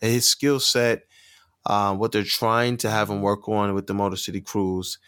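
A man's voice: lowish voice, level tone, normal speed, fairly bright tone, clear, resonant tone, dry recording, studio quality. A man who is a guest on a sports podcast, talking casually and hesitantly with many fillers.

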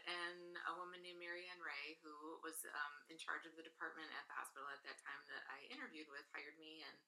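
Woman, late thirties, interview guest, casual chat, rambling, very bright tone. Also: on the low side, rough recording. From northern Michigan, USA. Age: 30s. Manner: chatty, rambling, laughs easily.

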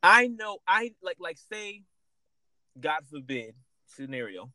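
Bright, rambling man in casual chat. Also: high-pitched, sing-song, takes it slowly, no echo. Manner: rambling, many repeated fillers.

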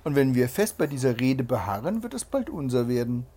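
A reader voicing a scheming male rogue who plots to steal a mule, with a raised, drawn-out delivery and a breathy voice. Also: mid-range voice, sing-song, mellow. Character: scheming male rogue, sly and fast-plotting.

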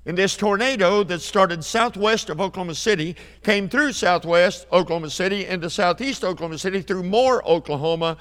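A man in his seventies preaching a revival sermon, emphatic, repeating key phrases and building to loud climaxes. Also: sits high. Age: 70s. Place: church sanctuary. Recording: long hall reverb.

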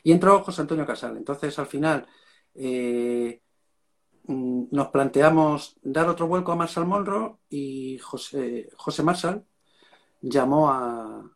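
A man's voice: medium pitch, takes it slowly, vocal fry. A man with a Spain Spanish accent, a rock singer telling stories in a casual interview and dropping slang as he goes. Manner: casual storytelling, slangy, keeps saying "mate".

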